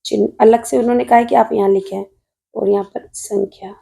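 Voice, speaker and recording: A woman's voice: a little high, fairly even intonation, fairly quick, gravelly, mellow. A woman math teacher with a Rajasthani Hindi accent, patiently solving an exam paper on video while writing at a desk and calling her students "beta".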